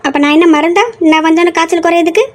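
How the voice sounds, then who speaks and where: A woman's voice: extremely high pitch, little pitch movement, very fast. A woman playing a sulky young woman in love. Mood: tender. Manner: emotional, pouting, sulky. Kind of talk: amateur audio drama acting.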